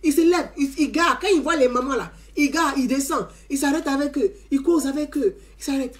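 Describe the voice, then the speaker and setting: A woman telling an animated story as a testimony. She talks emphatically, repeats her phrases and often adds "hein". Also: sits high, a little fast. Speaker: community member giving a testimony.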